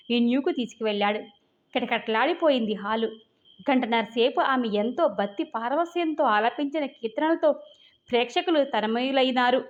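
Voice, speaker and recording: A woman reading a novel aloud as a storyteller, in a steady voice. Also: on the high side. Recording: dull lo-fi recording.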